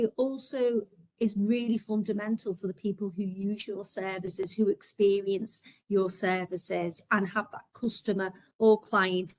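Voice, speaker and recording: Scouse woman, webinar presenter, fast and earnest, mid-range voice. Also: mid-range voice, rough recording. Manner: quick, earnest, lots of ums and restarts. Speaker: healthcare leader presenting.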